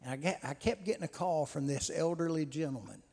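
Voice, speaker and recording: A man's voice: on the high side, brisk, vocal fry, darkish tone, husky. A man hosting a church men's conference, talking in a folksy way with lots of "uh" fillers and repeated words. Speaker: conference host. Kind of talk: conference announcements and testimony. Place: large hall with long reverb. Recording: reverberant hall sound.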